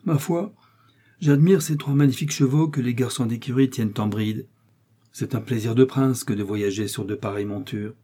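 Polished young musketeer, voiced by a man, pious and ailing, warm low timbre, husky edge, audiobook. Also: normal speed, close to an everyday voice. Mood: admiring.

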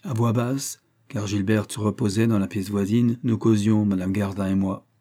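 A man giving a steady, measured reading of a crime novel as an audiobook narrator. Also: lowish voice.

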